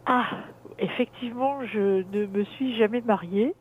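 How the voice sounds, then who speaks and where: A middle-aged woman talking reflectively and haltingly about herself as a caller in a personal conversation. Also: a little high. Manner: reflective, halting, thinking aloud. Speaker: caller consulting a dream analyst. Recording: tinny narrow phone line.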